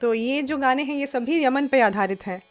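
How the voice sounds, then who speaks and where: A woman's voice: high voice, normal speed. A woman teaching music in a webinar, explaining in Hindi and English and singing demonstration syllables and song lines. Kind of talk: webinar lesson with sung examples. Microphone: video call.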